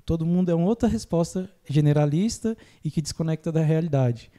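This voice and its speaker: A man in casual conversation, his tone mellow and unhurried. He explains therapy ideas step by step and mimics clients in a lifted voice. His laughter comes easily. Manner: acts out clients' lines in a higher voice, laughs easily. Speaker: podcast host, phobia therapist.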